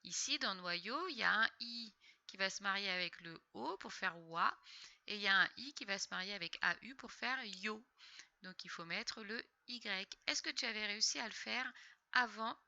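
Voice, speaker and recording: A woman teaching young children to read, slowly and patiently sounding out letters and syllables, with a slightly sore throat. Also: mid-range voice, creaky, pushed and bright, dry recording, muffled recording. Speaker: primary school teacher. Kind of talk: recorded reading lesson for young children.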